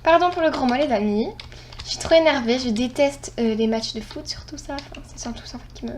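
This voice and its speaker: A woman hosting a gaming channel, chatting casually through her gameplay, excitable and rambling, often correcting herself. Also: high voice, a little fast, background noise.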